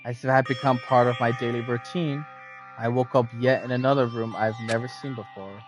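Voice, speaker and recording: Mid-pitched man casually streaming a game. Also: steady tone, brisk. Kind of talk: casual game stream commentary and read-aloud. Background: faint game music.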